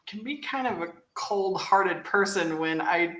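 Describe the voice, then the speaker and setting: A woman hosts a casual chat with a bright, forward voice, telling stories with energy and laughing easily. The room adds a noticeable echo. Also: mid-range voice, unhurried. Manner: animated storyteller, laughs easily. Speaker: host.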